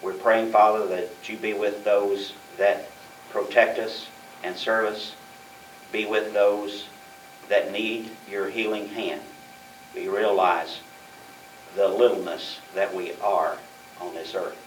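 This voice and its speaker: Man, public prayer, measured and solemn, low-pitched, distant mic with faint noise. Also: flat delivery. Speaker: member leading the opening prayer. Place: meeting room. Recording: echoey room from afar, faint noise.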